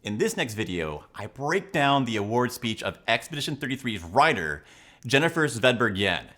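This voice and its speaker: Bright, animated man giving coaching commentary. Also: medium pitch, moderate pace. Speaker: body language and leadership coach, video host. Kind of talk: analytical commentary to viewers.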